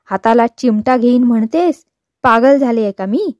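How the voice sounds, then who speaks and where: A woman voicing a grumpy, quick-tempered old female cook in a storybook reading, with complaining retorts. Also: fairly high pitch, a little mellow, no echo, natural voice. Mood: snapping.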